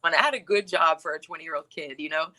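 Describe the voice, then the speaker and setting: A woman's voice: low voice, a little fast, sharp tone. A woman in her thirties, a filmmaker guest on a talk show, talking reflectively about her life with frequent fillers and easy laughter. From born in Hawaii, grew up in Texas. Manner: reflective, laughs easily, many filler words. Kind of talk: casual talk show interview.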